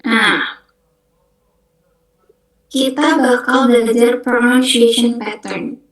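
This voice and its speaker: A young woman with a fairly high voice teaches a beginner class at an unhurried pace. She says each word carefully and repeats it patiently. Her voice rings a little in an echoey room. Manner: slow, patient explanations, repeating words carefully. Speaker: French language mentor. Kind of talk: online beginner language lesson.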